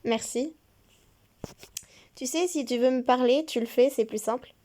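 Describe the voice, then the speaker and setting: A woman voicing a reserved, kind and quiet young man in a game. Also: high-pitched, measured pace. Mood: gentle.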